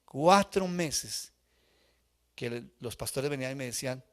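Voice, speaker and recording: A man's voice: medium pitch, lively intonation, a little slow, fairly bright tone. A male pastor preaching a live sermon in church, telling a personal story with feeling and asking the congregation questions. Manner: emotional personal testimony, asks the congregation questions. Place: church sanctuary before a congregation.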